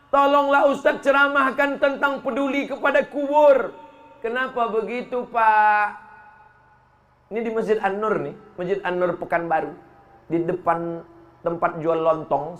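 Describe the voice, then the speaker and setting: A man giving a humorous sermon as an Islamic preacher at a foundation gathering, telling lively stories with local slang. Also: sits high, normal speed.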